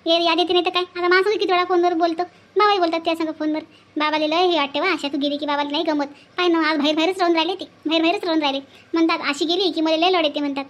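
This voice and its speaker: A woman's voice: very high voice, steady tone, racing, a bit bright. A woman voicing an older village woman from who scolds and hands out repeated advice. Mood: fond grumbling. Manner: scolding, repetitive advice-giving. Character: older village woman, bossy, lecturing elder.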